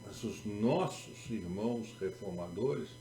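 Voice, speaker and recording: A man's voice: lowish voice, animated, slow, background noise. A Brazilian man with a Brazilian accent preaching a sermon as a pastor, emphatic and repetitive, with sarcastic turns. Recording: echoey room with faint music.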